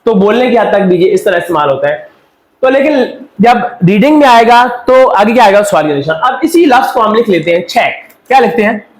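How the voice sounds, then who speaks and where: A man's voice: high voice, expressive, a little fast, reverberant, low-quality recording. A man from Pakistan teaching a Korean language class, drilling students by asking questions and answering them himself. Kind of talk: classroom lecture.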